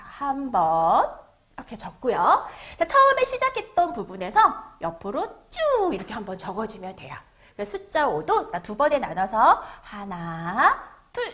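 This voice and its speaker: A woman teaching young children to read and write numbers, drawing out words slowly for them to repeat. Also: high voice. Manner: sing-song, slow drawn-out counting for children to repeat. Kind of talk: children's math lesson.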